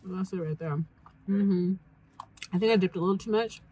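Snack taste-testing on camera, a young woman vlogger chats away and sometimes speaks through mouthfuls of food. Her voice is medium-pitched, mellow and moderately paced, picked up by a camera mic in poor audio with slight background noise.

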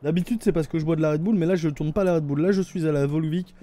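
A man's voice: fairly high pitch, fast, dark tone. A man with a French accent giving casual live-stream commentary while playing a game, rambling and hesitant with lots of fillers. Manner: rambling, hesitant, lots of "euh" and repeated "attendez".

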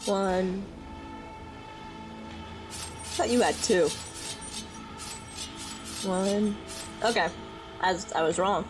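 Woman gamer mumbling thru a playthrough, slow and unhurried, game music going behind her. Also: medium pitch, low-quality recording. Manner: muttering to herself, frustrated outbursts and quick recoveries. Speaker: gaming YouTuber. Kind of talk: casual let's-play commentary.

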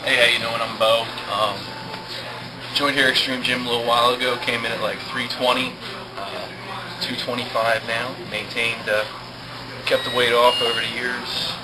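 A man speaks in a hesitant, friendly way about his gym, with plenty of pauses and fillers. His pitch stays flat, and loud room noise sits behind him. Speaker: gym member. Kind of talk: testimonial.

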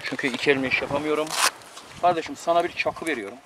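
Out on a mountain, a man with a fairly high voice races through a casual, bossy commentary, teasing and directing the friend cooking beside him. The camera microphone picks up heavy background noise.

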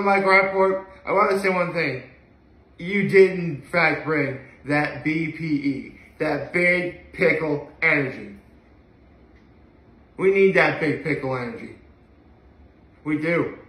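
Talking solo to a camera or phone a few feet off, a young adult man vlogs from his echoey living room in a gushing, casual way, repeating phrases to stress them. His voice sits on the higher side and sounds bright and forceful.

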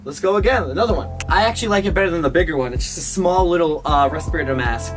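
Young man, high-pitched voice, casual slangy vlog chat, chummy, music behind. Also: very fast. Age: young adult. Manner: slangy, chummy address to viewers. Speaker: vlogger. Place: small home rooms, indoors.

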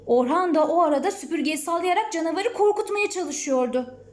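Lively woman reading a children's story. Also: very high-pitched, a little fast.

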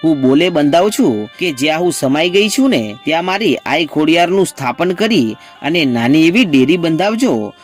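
A man's voice: a little high, expressive, normal speed, faint music behind, lightly acted. A man voicing a devout young wife who speaks a solemn, impassioned vow. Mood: commanding.

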